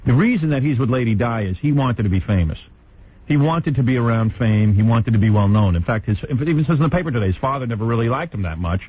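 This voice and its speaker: A man's voice: medium pitch, lively intonation, fast talker, breathy edge. A man hosting a radio talk show, brash and wisecracking as he rambles through the story, on an old tinny broadcast recording.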